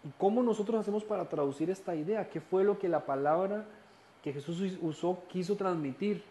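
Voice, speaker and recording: A fairly quick, fairly high-voiced man from Costa Rica, speaking Spanish with a Costa Rican accent, teaches a recorded Bible study course. His explanations are calm, he poses rhetorical questions, and he occasionally restarts a word.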